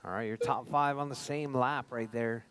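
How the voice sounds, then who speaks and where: A man's voice: mid-range voice, steady tone, moderate pace, a bit bright, clear, resonant tone. A man working as a race announcer, giving informal live commentary and repeatedly calling out drivers and positions. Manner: informal, repetitive calls to drivers.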